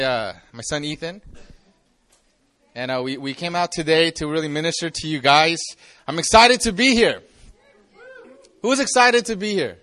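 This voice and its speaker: A campus pastor in his forties delivers a casual youth sermon to a live crowd, chatty and full of jokes, frequently restarting his sentences. His voice sits high and has a slightly bright quality.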